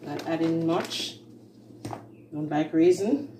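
A woman with a deep voice hosts a casual home cooking video, plainly talking through each step with fillers at an unhurried pace. She's recorded off-mic from a distance in a roomy kitchen, with a noisy background and faint music.

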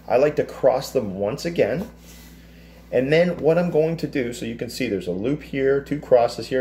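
A man's voice: medium pitch, slight background noise. Chatty man demonstrating in a kitchen. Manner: relaxed, chatty, explains step by step. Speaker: cooking teacher. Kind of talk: casual cooking demonstration. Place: home kitchen, indoors. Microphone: camera across the counter.

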